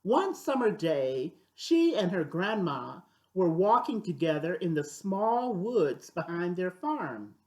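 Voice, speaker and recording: In a fairly low-pitched voice, an older storybook reader narrates a children's story with expressive, deliberate delivery.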